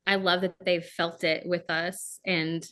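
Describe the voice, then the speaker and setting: Bubbly woman guest, animated. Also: fairly low pitch, unhurried. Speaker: voice actress guest. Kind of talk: casual interview chat.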